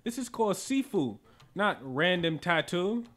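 A man giving joking, slangy commentary as he plays through a video game, with loud reactions. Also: high-pitched, sing-song, unhurried. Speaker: gaming channel host. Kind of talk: casual playthrough commentary.

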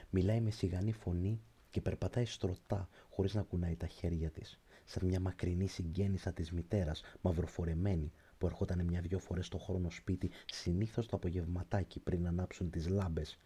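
A man reading a literary prose audiobook in a slow, measured, reflective way. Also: deep voice, fairly even intonation, dark tone, husky. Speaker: audiobook narrator.

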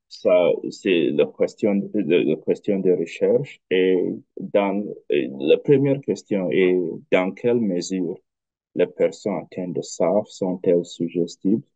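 A man with a foreign accent in French, a non-native speaker giving an academic presentation in halting, careful phrases over a video call. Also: deep voice, dark tone, dry recording, lo-fi sound. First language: not French. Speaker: researcher presenting a study.

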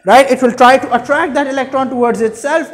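A man's voice: very high-pitched, brisk. Young man teaching. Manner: question-and-answer teaching with check-in tags. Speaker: chemistry teacher. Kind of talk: explanatory classroom lecture. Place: indoor room at a whiteboard.

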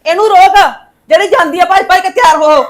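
A woman playing a sharp-tongued visiting mother who scolds and taunts her daughter's in-laws in a family drama. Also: very high-pitched, a little fast. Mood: scolding.

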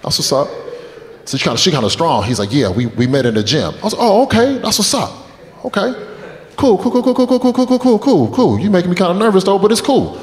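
In a high-pitched, animated voice at a quick pace, a stand-up comedian in his late twenties tells loose, profane stories and talks with the crowd. The club sounds echoey with long reverb, and audience laughter is heard in the background.

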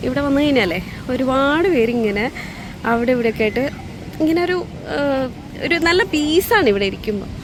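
Chatty woman mixing in English, noisy outdoors. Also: fairly high pitch. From Lakshadweep, India. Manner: mixes English words into Malayalam. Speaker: vlogger. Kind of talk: casual chatty vlog. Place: outdoors at a park by a beach. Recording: noisy outdoor recording with vehicle sounds.

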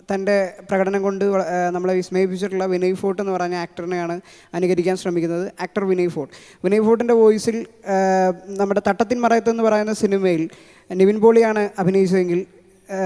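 A man with a Malayali accent introducing his impressions, talking fast with many fillers. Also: high voice, mellow. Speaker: mimicry artist. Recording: long hall reverb.

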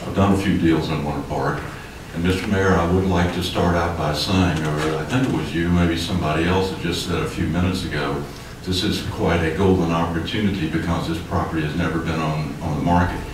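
His voice sits low and steady, fairly quick, as this older developer addresses a city hearing from the podium, gesturing emphatically and heating up. The podium mic is distant in the echoey indoor commission chamber, and the background is noisy.

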